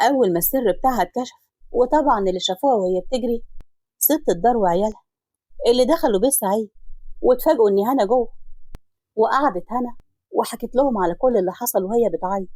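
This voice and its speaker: A woman with an Egyptian accent narrating a story in a brisk, matter-of-fact way. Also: on the high side, lively intonation, warm tone, no echo.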